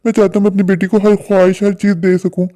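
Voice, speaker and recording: Man doing a cartoon dad, earnest, quick talker, warm mellow tone. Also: sits high, flat delivery, natural voice. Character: humble father, worried about money.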